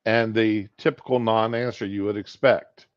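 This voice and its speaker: A man's voice: on the low side, fairly even intonation. A man who has just woken up, rambling casually and without hurry as he hosts a live stream. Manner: just woke up, unhurried. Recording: boxy echoing room, dull sound.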